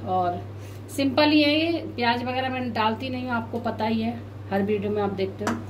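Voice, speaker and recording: A woman chatting casually to her viewers in a home vlog, speaking slowly because of sore mouth ulcers. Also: a little high, roomy sound, distant mic, slight background noise. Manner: chatty, often addresses viewers as guys. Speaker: family vlogger.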